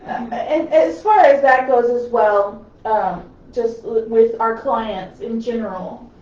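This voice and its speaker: A woman's voice: on the high side, slow pace, a little mellow. A woman co-hosting a paranormal group's live show, speaking earnestly and eagerly and often jumping in. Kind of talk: casual live-stream chat. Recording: roomy, distant, slightly dull live-stream audio.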